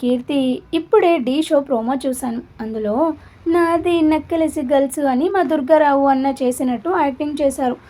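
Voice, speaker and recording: A woman narrating a serialized story with a lively, expressive reading. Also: sits high, normal speed, a little hiss or hum.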